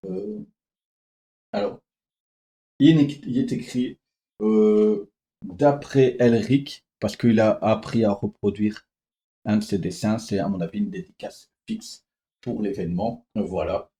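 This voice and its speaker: A man's voice: lowish voice, animated, slow, pauses often, mellow, echoey room, rough recording. A man casually telling a story for his vlog, rambling with many fillers and restarts. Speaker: comics vlogger.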